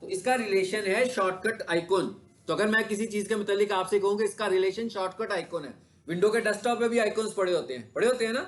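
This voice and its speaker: Man, high voice, classroom lecture, asks his own questions and answers them. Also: fast. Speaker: digital marketing instructor. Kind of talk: classroom lecture with screen demo.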